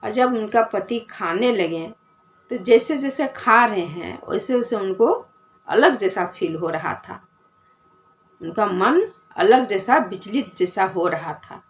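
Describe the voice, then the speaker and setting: A woman's voice: medium pitch, lively intonation, slow pace, slight background noise. A woman telling a devotional story in a plain, heartfelt way and speaking directly to her listeners.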